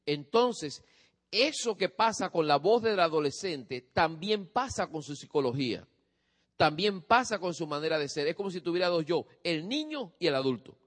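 A man's voice: on the high side, sing-song, moderate pace, a bit bright. Man lecturing in a reverberant hall. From from a different country than his audience. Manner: engages listeners with questions. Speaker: speaker on parenting teens. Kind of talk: lecture to a live audience.

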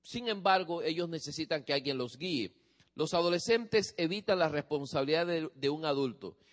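A man's voice: on the high side, fairly bright tone. Man lecturing in a reverberant hall. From from a different country than his audience. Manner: engages listeners with questions. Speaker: speaker on parenting teens. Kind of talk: lecture to a live audience.

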